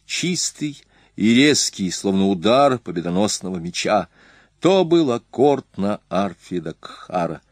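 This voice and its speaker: A male reader telling a tale in measured, expressive narration. His voice is on the low side and he takes his time with every line. The recording is dry with no room sound. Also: dry recording. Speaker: audiobook reader. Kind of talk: scripted narration.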